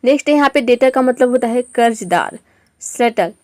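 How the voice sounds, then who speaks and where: A woman's voice: a little high, expressive, moderate pace, darkish tone, no echo. A woman from India teaching an online lesson, explaining patiently step by step and mixing English words into her Hindi.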